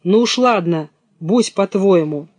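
A man's voice: high voice, animated, measured pace, a little mellow, no echo. A man reading the part of a bold, bossy young robber girl in a brusque, commanding way.

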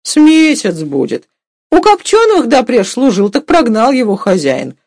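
A woman voicing a rough, sharp-tongued peasant cook who scolds in loud, drawn-out exclamations. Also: fairly high pitch, wildly swooping pitch, no echo, clean studio sound, voice pushed up, exaggerated voice. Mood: gossipy.

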